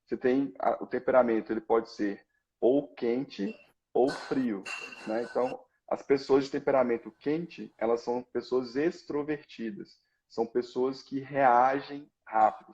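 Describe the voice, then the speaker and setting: A man's voice: mid-range voice, fairly even intonation, a little mellow. Man explaining in a dull lo-fi recording. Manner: measured, explains step by step with many "né". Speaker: guest expert on temperaments. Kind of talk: explanatory conversation.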